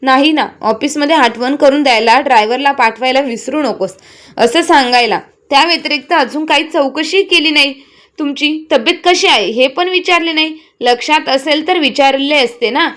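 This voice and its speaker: A woman's voice: high-pitched, moderate pace, fairly bright tone. A woman reading the lines of a tired, patient young wife in a storybook. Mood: weary. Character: weary, patient young wife under strain.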